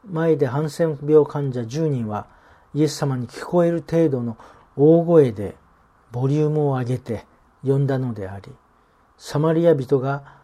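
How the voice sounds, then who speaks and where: Mellow-voiced man preaching earnestly. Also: a little high. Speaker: pastor. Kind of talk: sermon.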